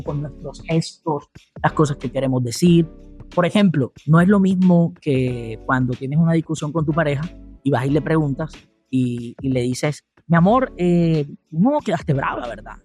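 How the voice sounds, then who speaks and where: Middle-aged man, Colombian coastal accent, communication coach, podcast chat, fairly high voice, faint music underneath. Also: breathy edge. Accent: Colombian Caribbean coast. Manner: animated, acts out example dialogues.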